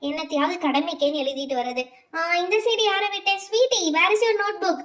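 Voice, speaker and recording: Nagging, lecturing doll-show teacher, played by a woman, shrill and off-mic. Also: steady tone, normal speed, fairly bright tone, recorded from a distance. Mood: scolding. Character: strict scolding female schoolteacher. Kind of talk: doll-play voice acting.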